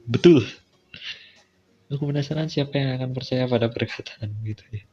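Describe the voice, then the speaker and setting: Reading game dialogue for his visual novel let's-play, a man with an Indonesian accent drops in informal, slangy interjections. He speaks at a normal speed in a mellow, medium-pitched voice. Background music plays under a dull, lo-fi recording.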